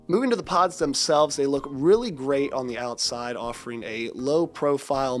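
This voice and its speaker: A young man with a congested, stuffy voice of medium pitch briskly delivers an upbeat, scripted audio product review.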